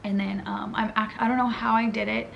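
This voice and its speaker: A woman's voice: on the high side, flat delivery, a little fast, creaky, dull audio, slight background noise. A young woman vlogger telling a painful personal story, tearful, her voice breaking and rising in distress. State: crying.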